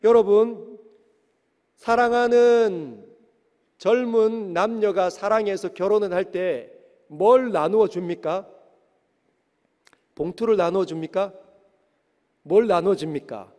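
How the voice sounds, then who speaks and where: High-voiced pastor in a reverberant church. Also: male voice, slow, long pauses, darkish tone. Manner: asks the congregation many rhetorical questions. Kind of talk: sermon. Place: church sanctuary. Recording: long reverb of a church sanctuary.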